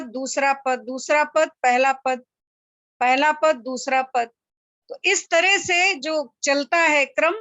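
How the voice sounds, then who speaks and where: A woman delivers a religious discourse, her voice high and bright. She explains slowly and deliberately, driving points home through repetition. The sound is dry and close. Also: no echo. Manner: slow, emphatic explanation with repeated examples. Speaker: Vedic religious speaker.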